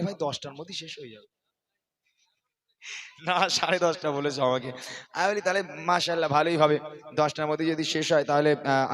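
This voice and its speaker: A tired man, a devotional singer on a live stage, pleading in weary asides between drawn-out sung verses. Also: fairly high pitch. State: tired, worn out. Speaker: Islamic devotional song singer. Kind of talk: live devotional singing with spoken stage talk. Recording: echoey, distant mic, loud music behind.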